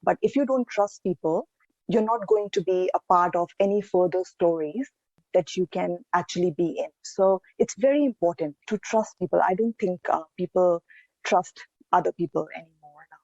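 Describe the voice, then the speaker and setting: A woman's voice: on the low side, warm tone, no room sound. Earnest woman from India, dull lo-fi sound. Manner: earnest, reflective, with pauses and restarts. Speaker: podcast guest. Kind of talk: casual interview answers.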